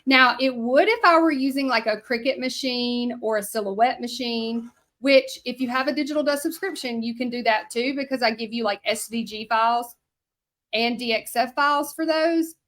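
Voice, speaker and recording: Her voice is a little high and a bit bright, moving at a normal speed. She's a woman in her thirties from Louisiana with a Southern accent, bubbly and talkative as she chats with livestream viewers while showing them hand lettering.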